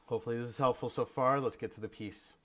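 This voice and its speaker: A man giving feedback in a drum lesson, energetic and explaining technique while singing the rhythms aloud. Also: mid-range voice, quick pace, very noisy.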